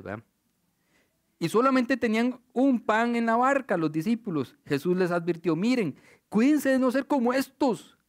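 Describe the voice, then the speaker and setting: A man preaching a sermon in a Costa Rican accent, his voice sitting high. He tells stories and presses the listener with rhetorical questions. His delivery swings from raised to hushed. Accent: Costa Rican Spanish. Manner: storytelling with rhetorical questions, shifting between loud and hushed.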